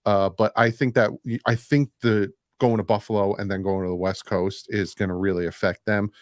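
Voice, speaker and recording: A man with a low voice speaks as a podcast guest. His delivery is measured and laid-back, and his voice sounds dry and close. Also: fairly even intonation, dry recording. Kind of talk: casual sports chat.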